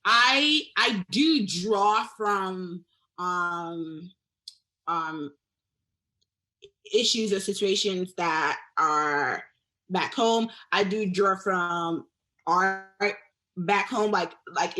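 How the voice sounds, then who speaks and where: Young woman from nigeria, slow halting talk, lots of ums, bright voice. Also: medium pitch. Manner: hesitant, many fillers and restarts, laughs often. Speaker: guest artist. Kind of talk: casual interview chat.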